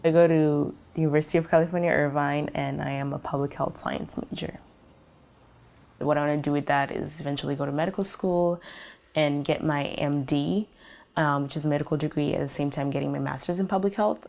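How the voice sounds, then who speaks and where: A woman's voice: low voice, steady tone, a little fast, gravelly, darkish tone. A young woman from Kenya, telling her story in a documentary interview, reflective and full of fillers. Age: young adult.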